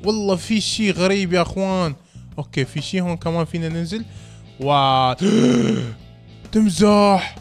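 A young man giving excited, playful game commentary to a friend, often exclaiming. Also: high voice, normal speed. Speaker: gaming video host. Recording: music behind the voice. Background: background music.

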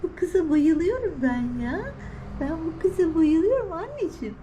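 A woman with a high voice chats to her pet cats on an outdoor balcony in sing-song baby talk. Her pitch leaps and dips all over as she coos. Traffic and outdoor noise hum clearly behind her. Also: sing-song, measured pace, warm tone. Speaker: cat vlogger talking to her cats. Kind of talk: casual talk to pets.

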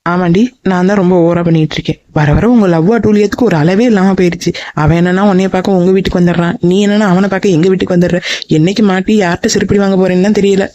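A woman's voice: lowish voice, fairly even intonation, warm tone, no room sound, muffled recording, natural voice. A woman voicing a bossy, teasing young aunt in a cartoon, scolding and mocking her niece. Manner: scolding, mocking and fast-talking. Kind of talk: animated cartoon voice acting.

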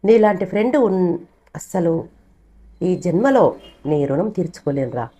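A woman's voice: fairly low pitch, expressive, a little slow, mellow, breathy edge. A woman voicing a frightened young man who pleads anxiously in a told story.

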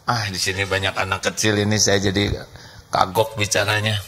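A man's voice: fairly low pitch, fairly quick. A man, preaching a folksy, humorous sermon into a handheld microphone. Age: 60s. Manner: folksy, humorous, moving between soft pleading and animated emphasis. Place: stage before a large indoor congregation.

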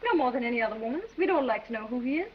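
A proud noblewoman, cool, reproachful, slightly high voice, dull hissy film sound. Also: very animated, very fast. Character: proud English noblewoman, frustrated with her husband. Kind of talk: 1930s film acting. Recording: dull 1930s film soundtrack with faint hiss.

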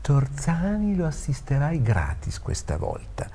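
A man voicing an elderly, authoritative father who speaks in a measured, gently instructing way, in a read-aloud story. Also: a little high, wildly swooping pitch, voice pushed up, exaggerated voice.

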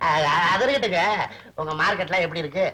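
An actor playing a scheming, quick-witted comic man in an old film, talking in fast wheedling banter. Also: sits high, lively intonation, pushed and bright. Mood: joking. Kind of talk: 1970s Tamil film acting. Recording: noisy old film soundtrack.

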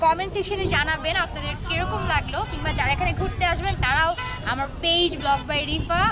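A young woman with a very high voice, chatting cheerfully to her viewers about a kayaking spot. She is recorded outdoors at arm's length on a lake. Loud crowds and wind bustle behind her. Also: fairly quick, over loud music, a loud crowd. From Bangladesh. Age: young adult. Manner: chatty, upbeat, addressing viewers directly. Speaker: travel vlogger. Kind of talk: casual travel vlog to camera. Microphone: camera held at arm's length.

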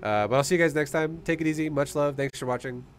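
A man's voice: on the high side, fast. A man in his thirties coaching a gamer in an informal, encouraging way, speaking into a close microphone. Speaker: gaming coach and streamer. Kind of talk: casual coaching talk. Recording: faint background noise.

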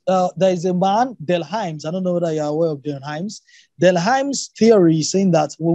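A native Yoruba speaker works through ideas in an academic discussion, his voice high for a man and mellow, captured dry and up close. He speaks emphatically, repeating and rephrasing his points and asking rhetorical questions.

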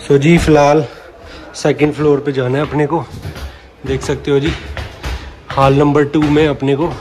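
A man with a higher-pitched voice narrates a handheld travel vlog of his road trip against a noisy background. He chats easily with viewers while filming outdoors and around a rest house, habitually dropping in "so ji" and "dekh sakte ho."

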